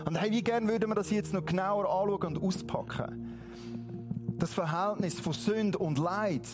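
A man's voice: sits high, over music. A man with a Swiss German accent preaching, retelling a Bible story in a conversational way and often checking in with his listeners. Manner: conversational, asks "oder?" often, dramatic slow readings.

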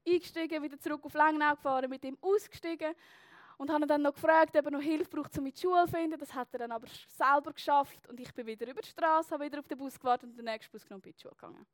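A woman's voice: high-pitched, rapid-fire, no room sound. A young woman with a Swiss German accent telling a personal story to an audience in a chatty way, with many fillers and tag questions.

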